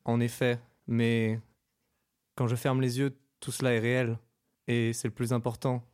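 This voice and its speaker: A man's voice: mid-range voice, little pitch movement, measured pace, darkish tone, clean tone, close to an everyday voice. A man voicing a young schoolboy hero who speaks earnestly and a little plaintively. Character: whiny schoolboy hero stuck in a pit.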